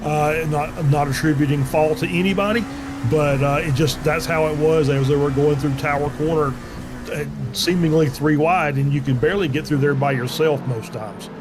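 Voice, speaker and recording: A man's voice: a little high, steady tone, normal speed, music in the background. A man acting as motorsport co-commentator, analysing the race in an explanatory, somewhat hesitant way.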